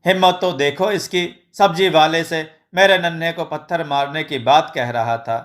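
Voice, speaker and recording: A man voicing a sharp-tongued village mother who scolds and mocks. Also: fairly high pitch, normal speed, lightly acted. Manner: scolding and sarcastic.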